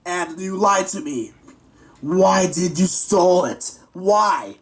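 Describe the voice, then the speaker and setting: Man doing a shrill, furious scolder. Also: takes it slowly. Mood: angry scolding. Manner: yelling threats, swearing. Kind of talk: amateur online drama.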